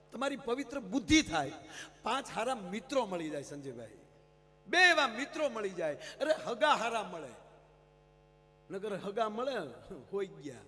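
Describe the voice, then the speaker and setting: A man telling humorous stories to a big live audience, acting out quick exchanges between characters. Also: sits high, big-room sound, a little hiss or hum. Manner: lively storyteller, quick character exchanges, addresses audience as sir. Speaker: folk comedian on stage. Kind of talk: live stage humor storytelling. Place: large stage event.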